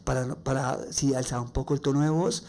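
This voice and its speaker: A man with a Colombian accent and a nasal, raspy voice, hosting a faith-based podcast monologue and sharing personal stories earnestly. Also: mid-range voice, fairly even intonation, brisk, warm tone. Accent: Colombian Spanish. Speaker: podcast host.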